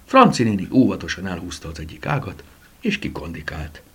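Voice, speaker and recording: A man reading a children's detective story aloud, expressive and giving each character a voice. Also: low voice, husky. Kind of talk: audiobook narration for children.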